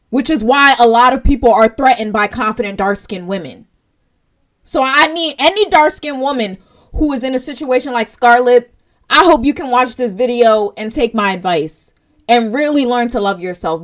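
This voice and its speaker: Emotional young woman vlogger, higher voice. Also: a bit bright. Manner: emotional, emphatic and preachy. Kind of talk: casual commentary vlog.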